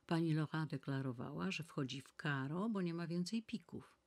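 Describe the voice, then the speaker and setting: Gravelly woman reading a novel aloud. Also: deep voice, moderate pace, darkish tone. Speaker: audiobook reader. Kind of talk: scripted narration.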